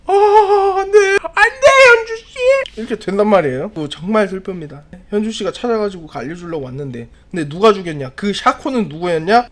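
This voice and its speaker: A man delivers a goofy recap of a TV episode, jumping between narration, asides and little acted scenes. His voice sits high for a man and stays animated throughout. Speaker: video reviewer.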